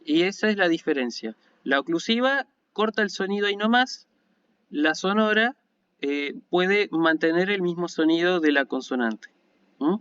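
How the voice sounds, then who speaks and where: Man, Argentine Spanish accent, university lecturer, patient explanations, smooth resonant voice, dull lo-fi recording. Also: high voice, animated, normal speed, fairly bright tone, dry recording. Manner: patient and explanatory, often checking in with listeners. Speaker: university lecturer in Ancient Greek. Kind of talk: online lecture.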